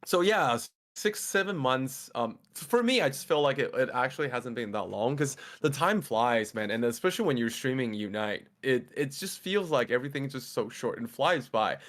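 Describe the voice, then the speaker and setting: Speaking at normal speed with few pauses, this young Mandarin-native podcast guest has a mid-range male voice. His casual chat is rambling and excitable, packed with fillers and frequent laughter.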